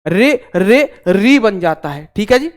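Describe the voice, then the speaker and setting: Male online tutor, high clear voice, talkative and repetitive. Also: sing-song, a little slow. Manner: chatty, repeats himself, joking asides to viewers. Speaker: teacher. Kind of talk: online exam-prep class.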